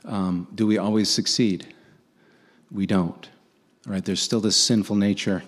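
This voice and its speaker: A man's voice: lowish voice, fairly even intonation, measured pace. A man preaching a conversational sermon, earnestly asking his listeners rhetorical questions and often restarting his sentences.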